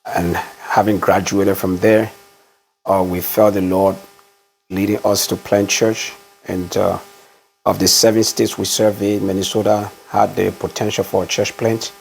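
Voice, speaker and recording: Middle-aged Liberian pastor, very deep voice, unhurried interview answers. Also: male voice, level tone, gravelly, faint music behind, poor audio. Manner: measured storytelling, frequent "uh" pauses. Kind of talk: conversational interview.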